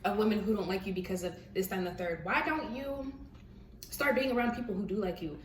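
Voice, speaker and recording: A woman's voice: medium pitch, fast talker. A young woman hosting a channel, chatting casually and animatedly over a mukbang, often laughing as she talks. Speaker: channel host. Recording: echoey room, distant mic, faint hiss.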